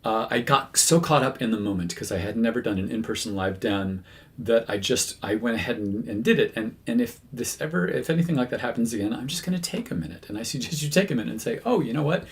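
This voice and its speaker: Talking fast with lively intonation, this mid-range male voice belongs to a medium who hosts a channel. He speaks casually to camera, filling his talk with fillers and correcting himself often.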